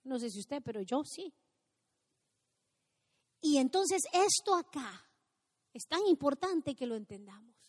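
Woman pastor preaching hard, high voice, goes from shouting to almost whispering, long hall echo. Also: sing-song, measured pace, long pauses. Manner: impassioned, swings between shouting and near-whispering. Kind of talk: sermon.

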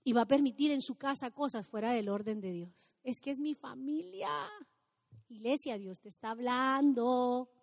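A woman pastor preaching an impassioned sermon, swinging between loud exclamations and near-whispers. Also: a little high, lively intonation, normal speed, creaky, long reverb tail.

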